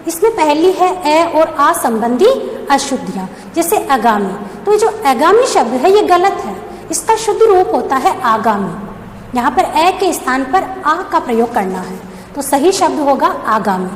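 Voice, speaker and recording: A woman's voice: high voice, very animated, moderate pace. A woman teacher giving a grammar lesson, asking questions and then answering them herself as she spells out letters one by one. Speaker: school teacher. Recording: echoey room with faint background hum.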